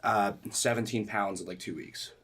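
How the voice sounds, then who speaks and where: A young man in casual podcast chat, his voice sitting on the low side. He hedges and restarts a lot, leaning on fillers. A faint hiss runs under the recording. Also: steady tone, normal speed, fairly bright tone. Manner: hesitant, lots of fillers and restarts. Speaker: powerlifter guest.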